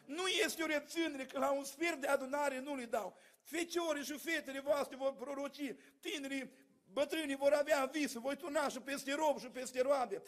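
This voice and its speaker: A man preaching a sermon, telling his own testimony and calling out fervently to the congregation. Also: very high-pitched. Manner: fervent, storytelling, calls out to the congregation.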